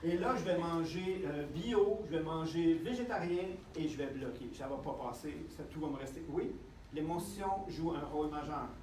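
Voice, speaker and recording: A man with a Quebec French accent gives a lively talk to a live audience. He keeps checking in with the listeners. His voice sits high, and it is picked up from a distance in an echoey room with faint ambience. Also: normal speed, a little hiss or hum. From Canada. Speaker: health speaker.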